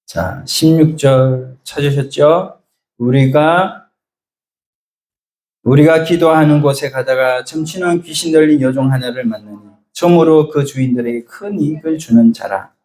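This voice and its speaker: Middle-aged pastor preaching, kinda high voice, acts out little voices, roomy echo. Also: male voice, unhurried, a little mellow. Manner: storytelling, acts out voices, asks the congregation questions. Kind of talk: sermon.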